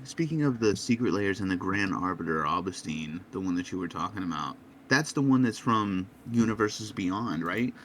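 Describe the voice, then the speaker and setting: A man on a podcast, chatting casually and laying out his theories in an animated way. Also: sits low, moderate pace, slight background noise. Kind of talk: casual chat.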